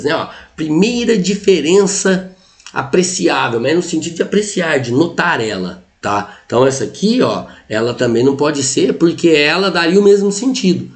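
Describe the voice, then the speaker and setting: A middle-aged man with a Brazilian accent, a Portuguese teacher going through exam answers step by step and checking in with the listener again and again. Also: fairly high pitch. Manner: explains step by step, constantly says "ó" and "tá?".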